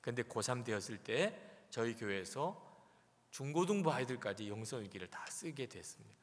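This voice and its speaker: A man's voice: medium pitch, expressive, normal speed. A male pastor preaching a sermon at a revival service, telling a story and acting out the voices in it. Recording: long reverb of a church hall.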